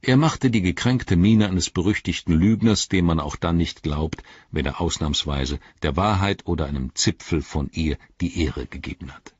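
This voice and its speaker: Low, husky male audiobook narrator. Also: no room sound, dull audio. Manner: measured storytelling. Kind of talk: scripted narration.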